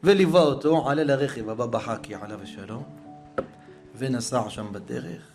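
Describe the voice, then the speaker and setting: A man preaching a sermon through a story, moving between hushed passages and raised, fervent ones. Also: medium pitch, creaky, faint music behind.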